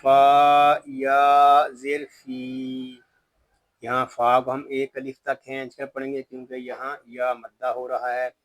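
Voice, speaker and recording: A man teaching Quran recitation, spelling each word slowly letter by letter, explaining the tajweed rules, and then reciting the verses melodically. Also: mid-range voice, monotone, fairly bright tone, rough recording.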